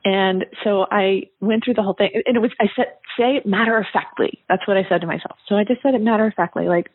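A woman who works as a private chef, chatting and telling a story in a relaxed, rambling way. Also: medium pitch, fast talker, husky, dry recording. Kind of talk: casual chat, telling a story. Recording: phone-line audio.

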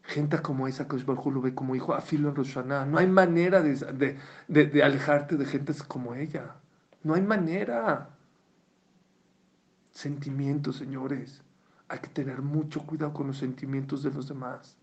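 A man giving a sermon, telling a story with lively quoted voices. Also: mid-range voice, moderate pace. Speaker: rabbi or religious speaker. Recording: dull lo-fi recording.

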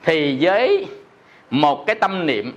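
A man's voice: fairly high pitch, sing-song, slow pace, lo-fi sound. A man preaching a Buddhist sermon, joking, chuckling often and asking his listeners whether they understand. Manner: jokey, laughs often, peppers talk with rhetorical questions.

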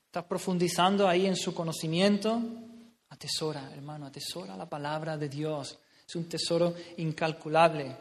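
A man from preaching a sermon, stressing his points, repeating phrases and asking the congregation questions. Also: fairly high pitch. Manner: emphatic, repeats phrases, asks rhetorical questions. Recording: reverberant hall sound.

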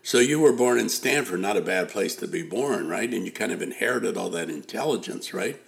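An older man hosts a casual interview podcast in a deep, heavily gravelly voice. He rambles, trailing off into fillers and restarting his sentences. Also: animated, a little fast. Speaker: podcast host.

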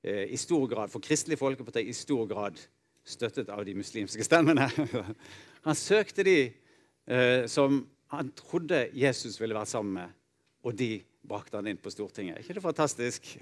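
A man preaching a sermon, telling stories with rhetorical asides and chuckles. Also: mid-range voice.

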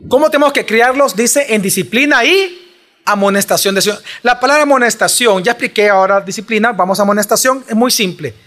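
A man's voice: high voice, fairly quick, a bit bright. A man preaching a sermon, pressing his listeners with emphatic rhetorical questions.

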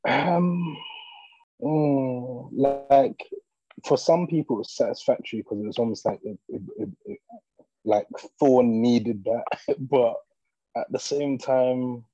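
A man's voice: mid-range voice, slow pace, mellow, no echo, muffled recording. A man with a London roadman accent bantering casually as a podcast co-host, agreeing emphatically and repeating words for emphasis. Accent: London, urban street slang. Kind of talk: casual banter about TV and film.

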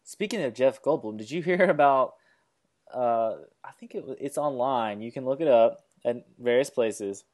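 A man of middle pitch co-hosting a relaxed movie podcast. He jokes and teases his co-host. He rambles, often restarting his sentences. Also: moderate pace. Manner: joking, teasing, rambling with restarts. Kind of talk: casual movie-review podcast chat.

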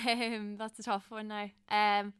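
Speaking slowly in a level, mid-range voice that is a bit bright and clean, a young woman from County Donegal, Ireland, gives earnest, conversational interview answers as a student election candidate. She often corrects herself in her Donegal accent. The recording is studio quality with no room sound.

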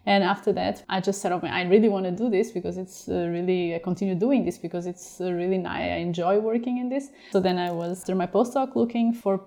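Lady in her 30s, interview guest, stops and restarts a lot, kinda gravelly mellow voice. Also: on the low side, steady tone, a little fast, hardly any pauses. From Portugal. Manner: thoughtful, hesitant with many restarts. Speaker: guest researcher. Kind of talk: interview answers.

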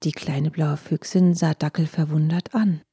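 A woman narrating a children's audiobook with expressive storytelling. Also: deep voice, normal speed, breathy edge, no echo, clean studio sound.

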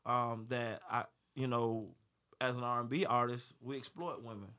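A gospel and R&B artist in his thirties or forties talks during a panel interview, rambling with many restarts, repeated words and easy laughter. His mid-range voice is steady, bright and forceful at a moderate pace.

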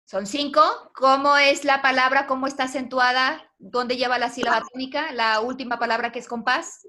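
A woman's voice: sits high, fairly even intonation, moderate pace, pushed and bright. A woman teaching a poetry class online, patiently quizzing her students. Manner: patient, asks the class questions.

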